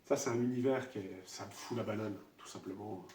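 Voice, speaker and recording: A man casually presenting his vinyl records one by one, talking in a relaxed, halting way with many fillers. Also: fairly low pitch. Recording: roomy echo, voice a bit far from the mic.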